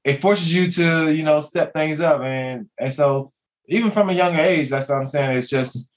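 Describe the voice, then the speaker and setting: A young man from Maryland, a former basketball player, talking as a podcast guest in a halting way with many restarts and fillers. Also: on the high side. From Maryland, USA. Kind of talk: casual podcast chat.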